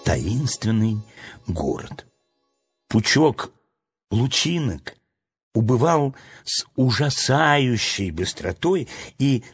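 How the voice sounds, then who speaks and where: A man narrating a storybook aloud in an expressive, dramatic way. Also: mid-range voice, breathy edge.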